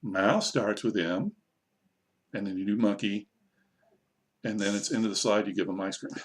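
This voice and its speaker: A man, an online English teacher, casually explaining how to run a practice lesson in a relaxed, conversational way. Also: fairly low pitch, brisk. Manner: relaxed, conversational, self-correcting.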